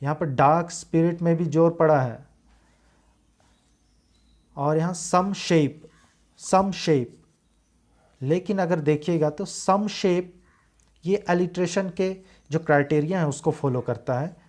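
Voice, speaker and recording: Male teacher, slide lesson, slow careful delivery, slightly high voice. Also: darkish tone. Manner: explains slowly, repeats key words; reads English lines slowly with stress. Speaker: English teacher.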